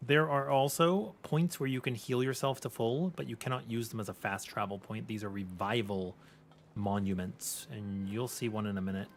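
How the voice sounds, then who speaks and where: A man's voice: on the low side, steady tone, normal speed, slight background noise. A man giving casual, slangy gameplay commentary as a chatty game streamer.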